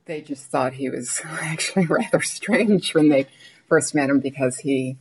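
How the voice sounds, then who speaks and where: A woman's voice: low-pitched, a little slow, a little mellow, husky, poor audio. A middle-aged woman from Newfoundland with a Newfoundland accent, chatting as an author guest on a podcast, laughing often and sometimes dropping almost to a whisper. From Newfoundland, Canada. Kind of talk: podcast interview.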